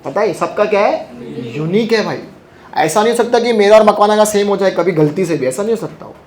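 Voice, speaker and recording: This male physics teacher sounds high, animated, and brisk as he quizzes his class, repeats what students say, and pokes fun at them between topics. A little hiss or hum runs under the recording.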